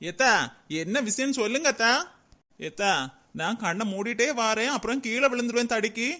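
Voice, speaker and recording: A woman voicing a gentle young daughter-in-law in a comedy cartoon, with a Kanyakumari Tamil accent and soft, pleading calls. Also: fairly high pitch, moderate pace, lightly acted. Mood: earnest.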